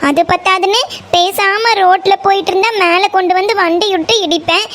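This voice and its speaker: Woman voicing a squeaky, hot-tempered village girl. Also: steady tone, brisk, a bit bright. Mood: furious. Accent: Coimbatore Tamil. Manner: scolding, hurls insults. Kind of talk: cartoon voice acting.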